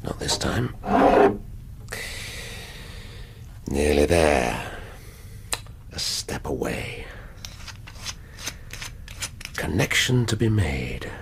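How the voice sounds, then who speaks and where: An actor playing a middle-aged English police inspector in a radio drama, wry, pedantic and a little hesitant. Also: male voice, very deep voice, big pitch swings, slow pace, creaky, slight background noise, full character voice. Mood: musing. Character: male police inspector in hospital, wry, pedantic, distracted, flirtatious.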